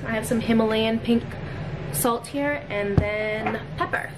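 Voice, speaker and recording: A woman's voice: fairly high pitch, a little slow. Chatty woman cooking in a noisy kitchen. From Filipino heritage family. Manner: chatty, upbeat, talks while cooking. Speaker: vlogger. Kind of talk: casual cooking vlog. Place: home kitchen, indoors.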